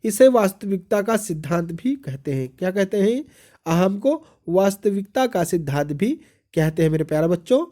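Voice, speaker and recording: Mellow-voiced Hindi exam-prep teacher. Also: male voice, high-pitched, lively intonation, moderate pace. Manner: repeats each point as a question and answer. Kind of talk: exam-prep lesson reading notes aloud.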